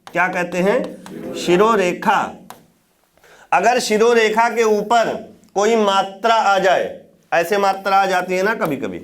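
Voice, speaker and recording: A man giving a classroom lecture on Hindi grammar. He asks the class questions, answers them himself, and repeats words slowly to demonstrate how they sound. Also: high-pitched. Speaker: teacher.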